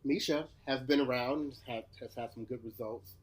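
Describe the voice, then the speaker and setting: This Louisiana podcast co-host talks at a moderate pace in a steady, mid-range voice. Relaxed and full of play, he teases his way through the casual conversation.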